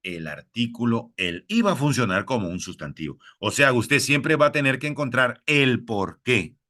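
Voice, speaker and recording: A man's voice: medium pitch, animated, normal speed, bright, forceful tone. A man with a Peruvian Spanish accent teaching a lesson, addressing fellow teachers and repeating each key point.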